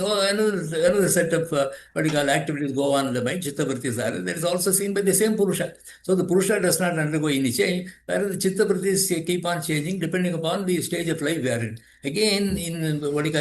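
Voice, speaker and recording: A man's voice: on the high side, a little hiss or hum. Older man explaining philosophy, roomy sound. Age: 80s. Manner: thoughtful, repeats and restarts phrases. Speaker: guest, yoga teacher and author.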